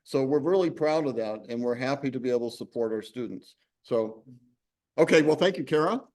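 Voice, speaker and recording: A man's voice: medium pitch, brisk, a little mellow. A man hosting a university meeting in a rambling, casual way. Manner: rambling, full of fillers and restarts. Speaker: program director and host. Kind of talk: informal meeting introduction. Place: university classroom.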